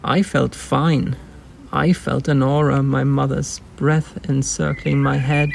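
A man reading literary fiction aloud in a deadpan, even way. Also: medium pitch, creaky. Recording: noisy recording with birdsong behind. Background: birds chirping.

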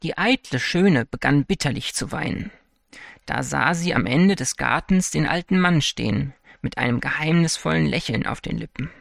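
A man reading a fairy tale aloud in a calm, even storytelling manner. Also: on the high side, moderate pace, vocal fry, no room sound, clean studio sound. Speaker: narrator. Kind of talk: scripted fairy-tale narration.

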